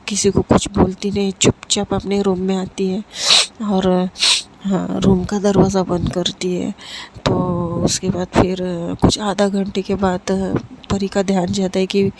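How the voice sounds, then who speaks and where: A woman casually telling a serialized love story, lightly voicing the characters in her own voice, with frequent fillers and restarts. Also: mid-range voice. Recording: steady background noise.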